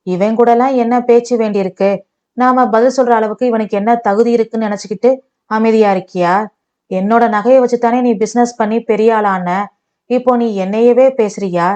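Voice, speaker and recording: Sarcastic, accusing young husband, read by a woman, slightly high voice, dull lo-fi sound; storybook. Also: fairly even intonation, normal speed, warm tone, natural voice. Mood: angry. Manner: mocking, accusing. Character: bitter sarcastic husband, young adult man.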